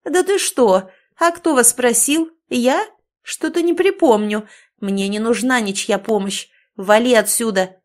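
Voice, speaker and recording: A woman reading an audiobook voices a bitter, defensive older woman who snaps sarcastically in a hoarse, stammering voice. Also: on the high side, steady tone, moderate pace, lightly acted. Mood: sarcastic, angry. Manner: snapping and sarcastic.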